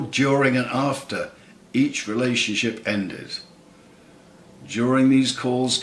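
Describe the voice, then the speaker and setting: A man in his seventies giving a scripted eulogy in a measured, wry, tongue-in-cheek way with deliberate pauses. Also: mid-range voice, a bit bright. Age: 70s. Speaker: eulogist, lifelong friend of the deceased. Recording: roomy, echoing sound.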